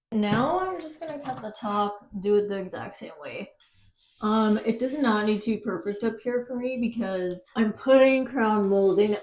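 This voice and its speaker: Recorded on a phone camera, this casual vlog follows a young woman narrating her own DIY bathroom renovation, chatty, flustered and poking fun at herself. Her voice sits in the mid range with a darkish tone. The bathroom sounds echoey, with faint clicks and slight background noise.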